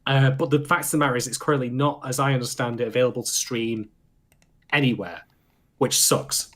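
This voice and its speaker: A man from the UK co-hosting a casual podcast chat, sarcastic and quick to swear. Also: mid-range voice, steady tone, fairly bright tone. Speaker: podcast co-host.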